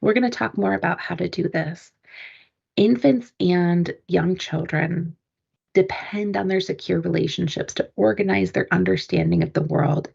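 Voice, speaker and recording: A woman giving a calm, explanatory webinar presentation to parents and caregivers. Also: fairly low pitch, creaky, husky, dull audio.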